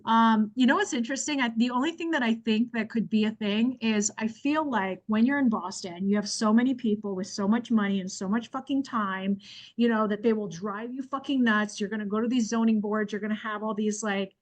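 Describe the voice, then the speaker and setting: A woman with a fairly high voice, blunt and foul-mouthed, building into fired-up rants. She speaks casually on a video call with colleagues. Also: a little fast. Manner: blunt, heavy swearing, fiery rants.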